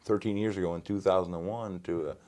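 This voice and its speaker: Guy in his 30s, really low voice, lots of uh and um, chatting in a little studio. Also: steady tone, darkish tone. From Norway. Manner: halting, many fillers and restarts. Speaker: guitarist and recording engineer guest. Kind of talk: casual interview. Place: home music studio, indoors.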